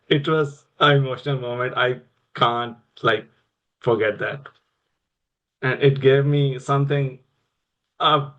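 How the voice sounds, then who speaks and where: Young Pakistani man with an even tone. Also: mid-range voice, lo-fi sound. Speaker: interview guest. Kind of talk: personal career storytelling in conversation.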